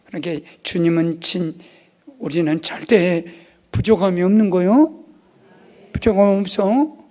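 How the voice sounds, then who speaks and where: A man preaching a revival sermon in a church, dropping to hushed asides and rising to loud exclamations. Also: high-pitched, measured pace. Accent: Korean. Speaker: pastor. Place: church sanctuary.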